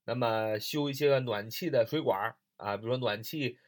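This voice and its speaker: A man's voice: mid-range voice, fairly quick. A man from northern China teaching an English reading lesson in Chinese, repeating phrases and spelling words out letter by letter, with many filler particles.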